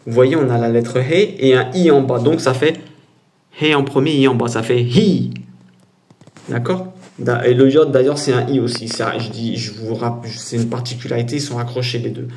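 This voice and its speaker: A man's voice: medium pitch, fairly quick, a little mellow. A man teaching as a patient instructor, walking through a diagram step by step and often checking whether listeners follow. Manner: patient, explains step by step, many "d'accord?" check-ins. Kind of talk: casual teaching over a diagram.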